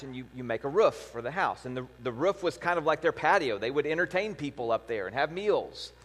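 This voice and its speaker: Man preaching in a reverberant hall. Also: on the high side. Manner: storytelling, animated retelling with rhetorical questions. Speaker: pastor. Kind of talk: sermon.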